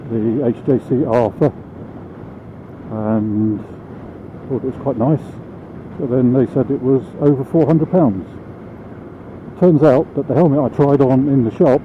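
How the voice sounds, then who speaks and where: A thin, phone-like recording carries a British man's voice from inside a motorcycle helmet. He talks casually to viewers as he rides, with a medium-pitched voice and clear vehicle noise around him. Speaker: motorcycle vlogger. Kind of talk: casual vlog monologue while riding. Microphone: small microphone mounted inside the helmet. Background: vehicle and road noise.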